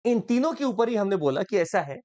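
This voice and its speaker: A male exam-prep teacher lecturing in a chatty, lively style, joking and slipping in English phrases. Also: high voice, brisk.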